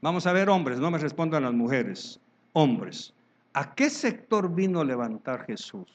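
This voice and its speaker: Lively, animated pastor preaching. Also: male voice, fairly high pitch, a little slow. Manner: animated, acts out church members' voices in his stories. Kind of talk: sermon. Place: church.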